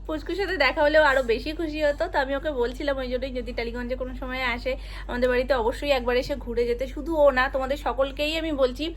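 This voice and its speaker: Woman vlogger, brisk and chatty, talks fast in a bright high register. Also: fairly even intonation. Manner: chatty, talks to a small child in a singsong voice. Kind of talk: casual chat to viewers.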